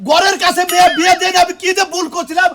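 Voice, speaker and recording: A man's voice: extremely high pitch, little pitch movement, very fast, vocal fry. A man playing a flustered village father. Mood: lamenting. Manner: lamenting, blustering. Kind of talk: comic sketch acting. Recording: noticeable background noise.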